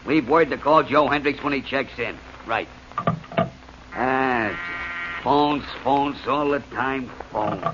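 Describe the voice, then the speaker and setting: A supporting actor in 1940s radio drama plays a brash music publisher, gruff and breezy, firing off jokes quickly. His medium-pitched voice is close to an everyday one, heard through a dull, slightly hissy old broadcast.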